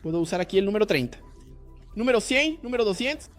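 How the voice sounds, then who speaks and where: Here a male coding teacher explains each step of a screen-recorded lesson, asking the viewer rhetorical questions along the way. He talks fast in a high voice with big swings in pitch, and soft music plays behind him.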